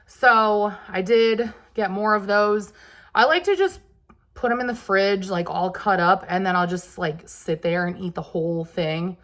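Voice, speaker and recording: Speaking a little slowly in a mid-range, fairly bright voice, a Southern US woman chats casually while displaying her groceries for a haul video. She's sniffly from allergies, hot and sweaty, and her talk wanders with fillers and side comments.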